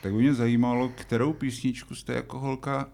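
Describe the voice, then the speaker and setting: Muž, moderátor podcastu, klade hostu otázky obšírně a hovorově, nahrávka z pražského klubu. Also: male voice, medium pitch, little pitch movement, vocal fry, darkish tone. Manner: chatty, rambling questions. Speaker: podcast host. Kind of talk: interview questions. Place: Prague music club.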